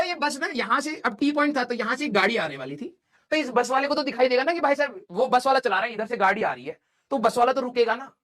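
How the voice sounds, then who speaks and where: A young man, a teacher, casually telling his students a funny story from his school days, animated and joking. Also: very high-pitched. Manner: animated, joking, switches between Hindi and English.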